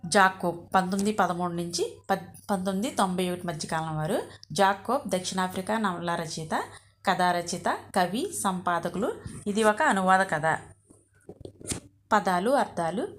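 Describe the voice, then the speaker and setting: A woman teaching an exam-prep lesson, reading word lists slowly and explaining each point plainly. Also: on the low side, slight background noise.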